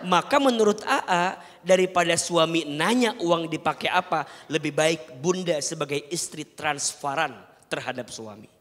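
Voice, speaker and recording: A man's voice: a little high, normal speed, fairly bright tone. A man preaching a televised sermon, earnestly advising and keeping the audience engaged with rhetorical questions. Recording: long hall reverb.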